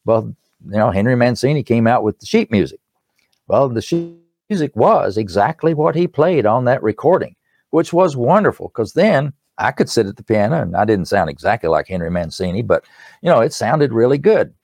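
A man's voice: medium pitch, big pitch swings, moderate pace, vocal fry, a little mellow, no echo, clean studio sound. An older man with an East Tennessee accent, explaining things in a folksy, earnest conversational way as an interview guest. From East Tennessee, United States. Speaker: musician and author, interview guest. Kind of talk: conversational promotional talk.

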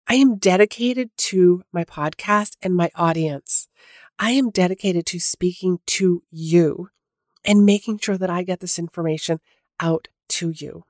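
A woman with a mildly nasal head-cold voice hosts a casual solo podcast, chatty and full of fillers and restarts. She speaks at a medium pitch with a darkish tone. The studio-quality recording has no room sound.

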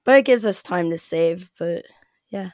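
A woman's voice: on the low side, a little slow, dry recording, studio quality. A woman from the Midwest, chatting casually as a podcast guest and laughing as she tells stories. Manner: chatty, laughs often while telling stories. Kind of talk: casual chat.

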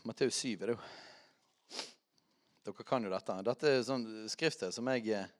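A man preaching a charismatic sermon, chatty and self-correcting, who shouts out scripture. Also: lowish voice.

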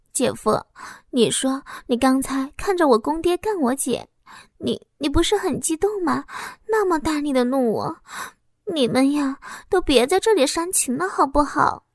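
A woman voicing a bold young country woman who talks in a high, teasing, brash way. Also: no echo, clean studio sound.

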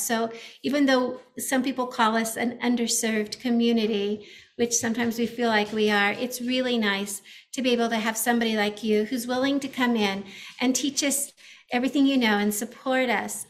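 Woman, webinar host, earnest and welcoming, slightly high voice. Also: a bit bright. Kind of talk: webinar interview.

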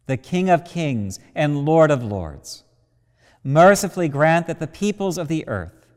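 A man leading worship as a priest, intoning prayers in a slow, measured way, heard with a cathedral echo in a large church. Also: a little high, lively intonation, a little mellow. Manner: slow, measured intoning with rising and falling phrases. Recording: long cathedral reverb.

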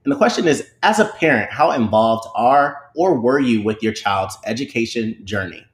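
A man co-hosts a podcast in an easy, upbeat conversational tone at an ordinary pitch. His voice carries a roomy echo. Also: expressive, normal speed. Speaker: podcast co-host. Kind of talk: casual chat.

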